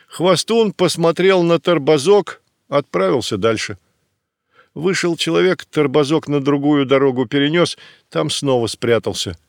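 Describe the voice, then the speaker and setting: A man reading a folk tale aloud in a measured, plain storytelling manner. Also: on the high side, no room sound, clean studio sound. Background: soft music.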